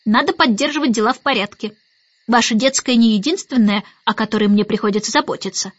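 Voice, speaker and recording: A woman's voice: fairly high pitch, fast talker, no room sound, dull audio, close to an everyday voice. A woman reading an audiobook and voicing a fussy, sentimental old male starling who chatters and talks down to others. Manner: chattering, condescending, rasping whisper at times.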